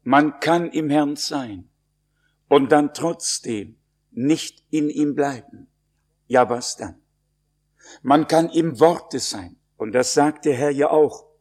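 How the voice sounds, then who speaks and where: A man preaching a sermon, slow and solemn, stressing his words with long pauses. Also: fairly high pitch, a little mellow, breathy edge.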